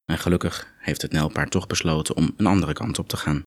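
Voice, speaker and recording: A man guiding a muscle relaxation meditation, calm and instructive, gently coaxing the listener along. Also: rumbling low, fairly quick, no echo, studio quality. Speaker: relaxation exercise guide.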